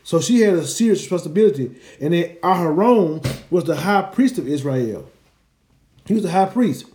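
A man's voice: a little high, expressive, moderate pace, dark tone, slight background noise. A man giving an earnest, explanatory Bible teaching, using Hebrew names. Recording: echoey room.

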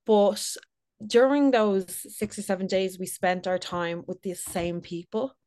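A woman's voice: mid-range voice, steady tone, a little slow, warm tone, smooth. A woman podcast guest telling a travel story in an earnest way, with many fillers. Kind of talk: casual interview chat.

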